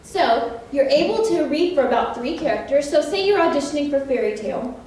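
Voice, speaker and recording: A woman voice actress on a convention panel, chatty and animated, laughing often and quizzing the audience. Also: high voice, a little fast, slight background noise. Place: large convention panel room. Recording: very echoey hall from a distance.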